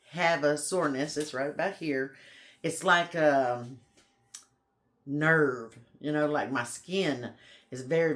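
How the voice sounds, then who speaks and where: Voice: mid-range voice, a bit bright. Folksy rambling vlogger chatting to camera. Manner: rambling, folksy, says y'all. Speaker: homestead vlogger. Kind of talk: casual chat to camera.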